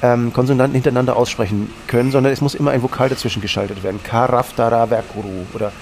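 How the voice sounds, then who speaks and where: A man's voice: mid-range voice, rapid-fire, gravelly, a little mellow, slight background noise. A man from Austria, a guest in an interview, telling rambling anecdotes with many restarts. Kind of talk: casual interview talk.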